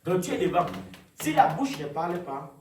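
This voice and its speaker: A man preaching a sermon, animated and asking the congregation for responses. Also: high voice, normal speed, a little hiss or hum. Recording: echoey room, mic far off.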